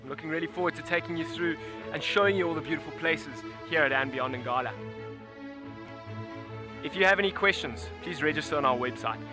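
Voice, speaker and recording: A man with a slightly high voice introduces himself as a safari guide and host. He addresses viewers directly over clear background music. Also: fast talker.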